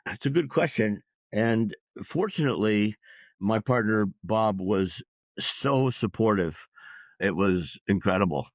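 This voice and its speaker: A man as an interview guest, a sailor and public speaker, telling his story in a reflective, measured way. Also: lowish voice, expressive, no echo. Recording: dry, phone-like line.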